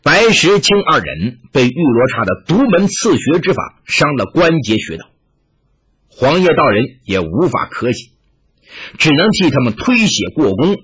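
Husky, animated male storyteller. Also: medium pitch. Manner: animated, rising and falling with the action. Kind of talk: dramatic martial-arts story narration. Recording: muffled lo-fi recording.

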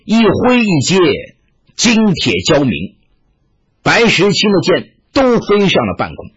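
A man narrating a martial-arts tale with dramatic, animated delivery. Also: high voice, measured pace, breathy edge. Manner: animated, rising and falling with the action. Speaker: storyteller. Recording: muffled lo-fi recording.

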